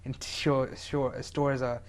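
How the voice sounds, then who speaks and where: This teenage talk show guest, a seventeen-year-old Indian boy, hesitates often and leans heavily on filler words. He has a medium-pitched, level voice and talks a little slowly.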